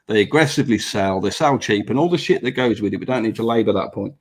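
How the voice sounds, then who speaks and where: A business owner guesting on a podcast chats earnestly in a casual panel, swearing freely and repeating points for emphasis, his dental braces slightly affecting his speech. His voice is fairly low, husky, fast, and lively in intonation.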